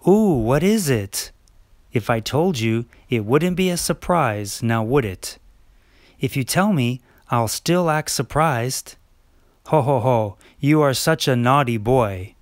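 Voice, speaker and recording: A man playing a scheming, sly male lion in an amateur stage play, speaking in a smooth, mocking, mannered way. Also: medium pitch, animated, takes it slowly, no echo, studio quality.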